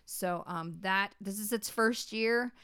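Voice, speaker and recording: Southern lady cohosting a podcast, smooth clear voice, chatty and excited. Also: medium pitch, takes it slowly. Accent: Southern American. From South Carolina Lowcountry. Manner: chatty and enthusiastic, with Southern turns of phrase. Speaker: podcast co-host. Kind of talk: casual chat.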